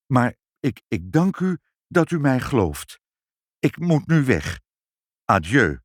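A man voicing a tearful, broken middle-aged bookkeeper who stammers and sobs in a strained, high voice. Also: big pitch swings, slow, no echo, clean studio sound. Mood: sadly grateful.

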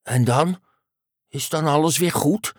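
A woman's voice: low-pitched, slow pace, dry recording, clean studio sound, pitched above the performer's own voice. A woman voicing a grumpy, irritable male rhinoceros in a children's story, blunt and grumbling. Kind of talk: storybook character voice.

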